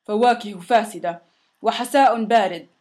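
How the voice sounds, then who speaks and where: A woman's voice: a little high, brisk, close to an everyday voice. A woman voicing a big, sulky, sick male monster in a storybook reading, whiny and complaining. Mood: grumbling. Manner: whiny and complaining, loud when shouting demands.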